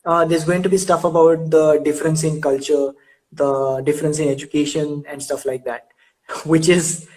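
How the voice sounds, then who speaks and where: A man's voice: fairly high pitch, little pitch movement, moderate pace, darkish tone, poor audio. A young man hosting a casual interview over a video call, laughing often and stumbling over repeated words. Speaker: host.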